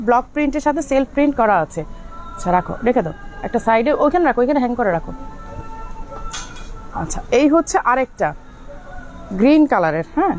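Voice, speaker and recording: A high-pitched woman shows off clothes in a rapid, chatty stream from inside a shop. She repeats her points and breaks off to give directions to staff. A faint room hum sits behind her voice. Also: darkish tone. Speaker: shop seller hosting a live clothing sale. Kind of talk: live product showcase. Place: indoors in a clothing shop outlet.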